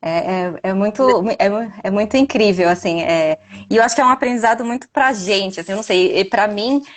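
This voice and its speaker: A woman's voice: medium pitch, fairly quick. A mother talking reflectively in a casual live video chat, often ending her points with a tag question.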